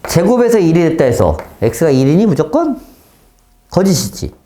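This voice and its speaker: A man teaching a math class, often stopping to check that students follow and switching between polite and blunt speech, with sudden loud exclamations. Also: a little high, big pitch swings, normal speed.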